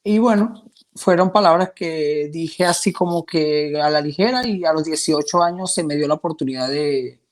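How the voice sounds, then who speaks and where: At a moderate pace and with a voice on the high side, a young Venezuelan man in his twenties, speaking with a Venezuelan Spanish accent, offers his faith testimony as a guest, hesitant and earnest, repeatedly restarting his sentences.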